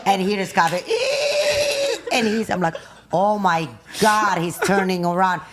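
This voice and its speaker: A woman's voice: mid-range voice, steady tone, moderate pace, a loud crowd. A woman from Iraq, a hairdresser and a guest on her son's podcast, telling stories expressively and acting out the dialogue. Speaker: host's mother, hairdresser guest. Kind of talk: casual storytelling.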